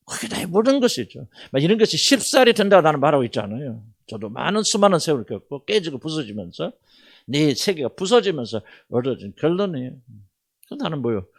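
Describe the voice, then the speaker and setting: Gravelly, animated Korean pastor preaching. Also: male voice, fairly high pitch. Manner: preaches with rhetorical questions, sudden loud and soft swings. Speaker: senior pastor. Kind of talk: sermon.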